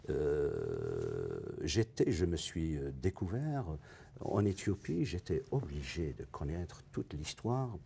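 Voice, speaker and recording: A male novelist, originally from Africa, answering questions in a television interview, thinking aloud and searching for his words, with many pauses. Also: rumbling low, very animated, creaky, warm tone, a little hiss or hum. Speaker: novelist guest. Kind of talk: TV interview, reflective.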